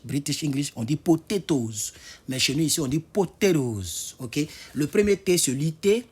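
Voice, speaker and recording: Guy teaching english vocab, kinda high voice, repeats and spells stuff out, chats with viewers. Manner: spells words out letter by letter, repeats them slowly; chatty, talks to viewers directly. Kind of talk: casual spoken lesson.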